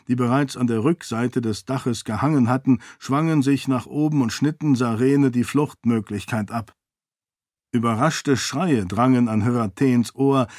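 A man reading fantasy fiction aloud as an audiobook narrator, slow and measured. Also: mid-range voice, a little mellow, no echo, clean studio sound.

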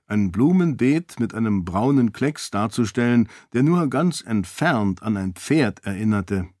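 A man's voice: on the low side, animated, a little slow, a little mellow, no room sound, studio quality. A man voicing a wry young cousin who tells stories with a straight face. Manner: wry, amused.

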